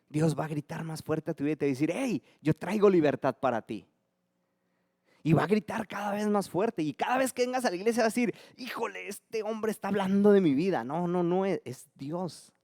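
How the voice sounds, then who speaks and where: A man preaching a sermon as pastor, swinging between loud emphatic calls and soft, dropped lines. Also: on the high side, no echo, studio quality.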